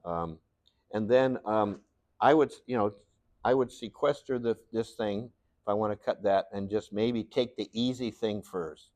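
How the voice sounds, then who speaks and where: A man's voice: on the low side, a little slow, a little mellow, dry recording. Folksy man demonstrating glass cutting. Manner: folksy, rambling, thinks aloud while working. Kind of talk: live hands-on demonstration. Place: glass studio workshop.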